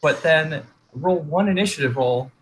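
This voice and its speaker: A man's voice: on the high side, poor audio. A man playing a tabletop game online, speaking casually and mocking his own bad rolls. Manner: unhurried, self-mocking. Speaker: player. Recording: clear background noise.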